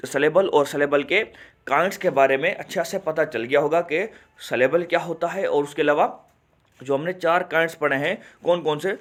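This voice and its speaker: A man's voice: a little high, fairly bright tone. A man gives an online grammar lesson in a slightly raised voice. He stretches key words out syllable by syllable and keeps asking his students rhetorical questions. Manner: repeats words slowly and asks rhetorical questions. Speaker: English teacher. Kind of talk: classroom lesson explaining grammar.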